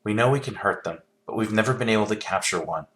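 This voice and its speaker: A man acting an intense, anxious, stubbornly logical scientist in a video game, speaking in a halting, emphatic way. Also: on the low side, expressive, a bit bright. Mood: tentative.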